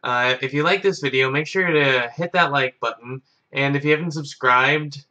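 Bright-voiced young male vlogger. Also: mid-range voice, normal speed, highs cut off. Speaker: YouTube vlogger. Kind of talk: casual chat to camera. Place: carpeted bedroom, indoors.

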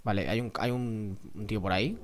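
A young man from Spain with a Spanish accent, giving excitable, jumpy let's play commentary while talking to himself and his viewers. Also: on the low side, a little fast, background noise. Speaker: gamer.

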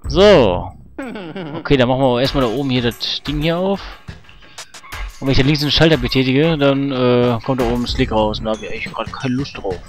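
A man's voice: mid-range voice, brisk. Casual male gamer narrating his playthrough, grumbles and swears, music underneath. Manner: chatty, swears and mutters at the game. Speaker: let's play gamer. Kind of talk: casual game commentary. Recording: game music behind. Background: game music.

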